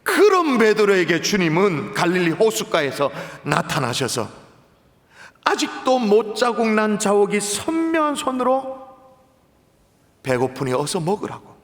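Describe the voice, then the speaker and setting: High-voiced pastor in a reverberant church. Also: male voice, huge pitch swings, a little slow. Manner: storytelling, shifts between quiet and emphatic. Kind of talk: sermon. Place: church sanctuary. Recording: echoey hall with long reverb.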